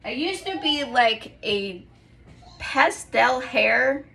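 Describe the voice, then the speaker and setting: A woman's voice: sits high, animated, very slow, creaky, bright, forceful tone. A young woman in casual vlog chat at home, rambling and correcting herself with apologetic asides. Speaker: vlogger.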